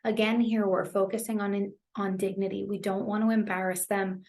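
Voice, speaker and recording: A young adult woman teaching caregivers in a relaxed, conversational way, with frequent fillers and a reassuring manner. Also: medium pitch, normal speed. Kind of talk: educational talk to caregivers.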